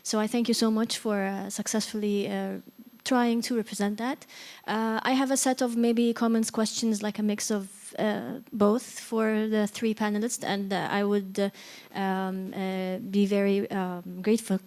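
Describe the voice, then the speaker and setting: A woman's voice: mid-range voice, flat delivery, unhurried, hardly any pauses, a little mellow. A woman from Egypt asking a long, earnest question from the audience at a seminar, hesitating often with fillers.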